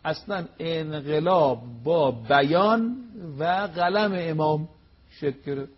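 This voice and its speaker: A man's voice: a little high, highs cut off. A man preaching on a religious TV program, emphatic and full of rhetorical questions. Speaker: cleric guest on religious TV program.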